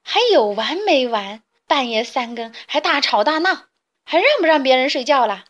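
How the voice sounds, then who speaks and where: A woman voicing a grumpy, chubby boy chick in a storybook, yelling crossly. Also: a little high, lively intonation, normal speed, muffled recording. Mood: angry.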